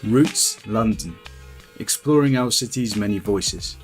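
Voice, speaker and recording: Deep-voiced man narrating over music. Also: lively intonation, measured pace. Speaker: documentary narrator. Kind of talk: scripted narration.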